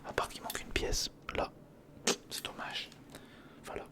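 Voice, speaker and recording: An ASMR creator whispers a casual build commentary, talking to themselves in an informal way and repeating phrases. The breathy whisper is mostly unvoiced and a little slow, picked up by a close studio recorder microphone.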